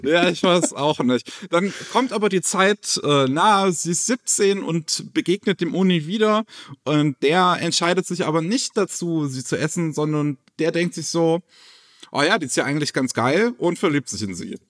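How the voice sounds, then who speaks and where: A man hosting a casual podcast, presenting anime news in a relaxed, chatty way with plenty of fillers. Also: fairly high pitch, moderate pace, no room sound, studio quality. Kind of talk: casual chat.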